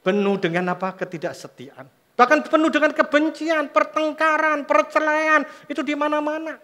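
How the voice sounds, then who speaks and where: A middle-aged man, preaching a sermon as pastor, telling animated stories with quoted voices and jokes. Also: very high-pitched, normal speed.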